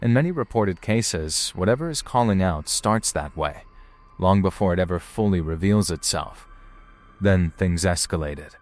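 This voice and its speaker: A man with a deep-set voice narrates scripted suspense. He speaks in a deliberate, ominous storytelling manner, as a narrator laying out mysterious incidents. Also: expressive, darkish tone. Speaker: narrator of paranormal footage compilation.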